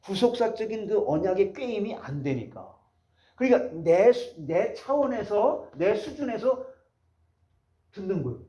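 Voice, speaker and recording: A man's voice: high-pitched, very animated, unhurried, dark tone. A man preaching a sermon as pastor, asking the congregation rhetorical questions as he explains a passage.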